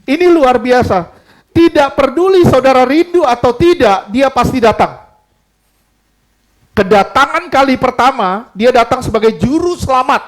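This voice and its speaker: High-voiced preacher, emphatic. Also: male voice, lively intonation, moderate pace. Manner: emphatic, asks the congregation questions, mixes in Jakarta slang. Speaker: pastor. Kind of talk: sermon. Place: church.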